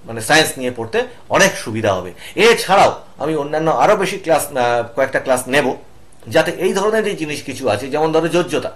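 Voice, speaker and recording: Patient Bengali-speaking male teacher. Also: fairly high pitch. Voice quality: patient, explanatory, spells out each symbol slowly. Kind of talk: online lesson to students.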